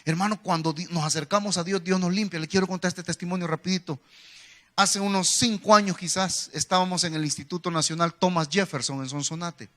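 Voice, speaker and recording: A Salvadoran male preacher delivers a sermon in church, weaving personal testimony into his message. His voice sits high and rings bright. He talks straight to the congregation, often calling them "brother". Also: fairly even intonation, brisk. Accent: Salvadoran Spanish. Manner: storytelling, addresses listeners as "hermano".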